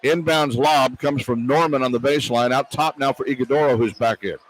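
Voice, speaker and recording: This American radio announcer delivers live basketball play-by-play from courtside in a big indoor arena, speaking in short, clipped bursts. He has a mid-range voice and talks a little fast. The recording is rough, and arena noise comes through clearly.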